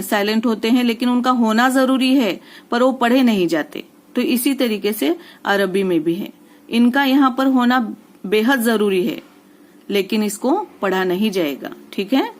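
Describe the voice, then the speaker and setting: A woman teaching a recitation lesson, patiently spelling out each letter and vowel mark and repeating every word, often checking in with the listener. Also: a little high. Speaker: Quran reading teacher.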